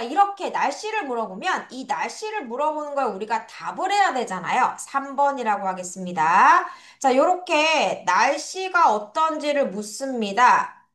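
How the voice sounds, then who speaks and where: High, lively woman teaching English. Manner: drills English pronunciation, has students repeat words; friendly, addresses students as friends. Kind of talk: recorded vocabulary lesson for children.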